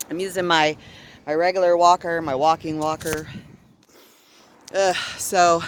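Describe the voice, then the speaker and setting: A woman's voice: lowish voice, slight background noise. A middle-aged woman vlogging outdoors on a neighborhood walk, out of breath, chatty and encouraging herself. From Arizona. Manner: chatty, self-encouraging, breathy pauses between phrases. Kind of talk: casual vlog narration while walking. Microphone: handheld phone camera.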